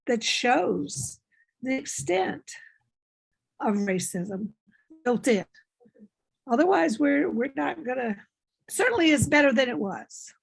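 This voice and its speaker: An older woman speaking in a measured, earnest way, with pauses, as a participant in a group discussion on a video call. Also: on the high side, gravelly, husky.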